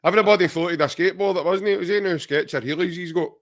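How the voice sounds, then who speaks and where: A man's voice: high voice, rapid-fire. A Scottish man in his forties co-hosting a podcast, chatting casually, joking and reading out viewer comments. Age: 40s. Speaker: podcast co-host. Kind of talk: casual chat.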